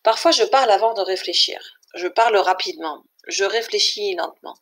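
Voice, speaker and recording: A woman reads a children's story aloud for learners. Her delivery is clear and measured. Her voice sits at an ordinary middle pitch. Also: a bit bright. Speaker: reader.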